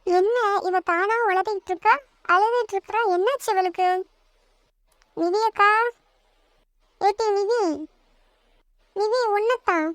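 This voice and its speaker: A woman's voice: extremely high pitch, slow, long pauses, no room sound, studio quality, voice pushed up. A woman voicing a bratty, nosy little sister in a cartoon, with a whiny, tattling way of talking. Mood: nagging, tattling. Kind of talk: cartoon voice acting.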